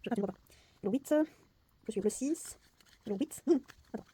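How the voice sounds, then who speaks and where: On camera, a board game vlogger works through a puzzle game in a mid-range, husky, dark voice with lively intonation at normal speed. She thinks aloud, teases herself and counts under her breath, often muttering numbers down to a whisper.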